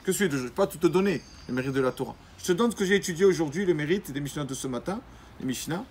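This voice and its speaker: A rabbi, a man, telling a religious story in a lively way, acting out the quoted voices and correcting himself as he goes. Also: a little high, slight background noise. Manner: pauses to correct himself mid-sentence. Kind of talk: storytelling Torah lesson.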